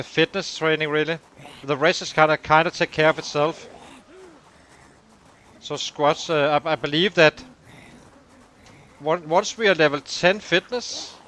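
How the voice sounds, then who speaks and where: A man with a somewhat high, bright and forceful voice talks over his game. He thinks aloud as he works through the numbers behind his progress, in easy let's play commentary. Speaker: gaming channel host.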